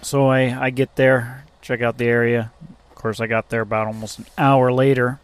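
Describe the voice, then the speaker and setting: A man's voice: mid-range voice, level tone, normal speed, clean tone. Rambling, profane storytelling man. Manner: rambling, profane, lots of fillers and restarts. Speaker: truck driver. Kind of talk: casual storytelling vlog.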